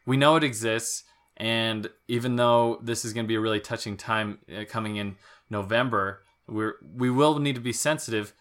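A man's voice: lowish voice, normal speed, hardly any pauses, fairly bright tone. A man co-hosting a podcast, joking around and asking long, rambling questions. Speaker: podcast co-host. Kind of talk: casual podcast chat.

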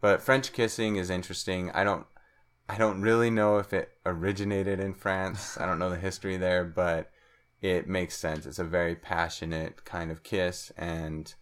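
A man talking as a guest on a podcast, thoughtful and unhurried, with frequent ums and restarts. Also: low voice, level tone, clear, resonant tone. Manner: speaks some French. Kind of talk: casual interview chat.

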